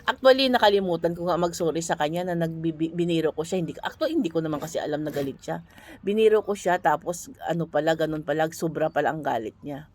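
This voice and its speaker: A woman's voice: low-pitched, quick pace, a little mellow, a little hiss or hum. A woman from the Philippines working abroad, telling an earnest, conversational story straight to her viewers. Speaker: overseas worker and vlogger. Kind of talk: casual storytelling monologue.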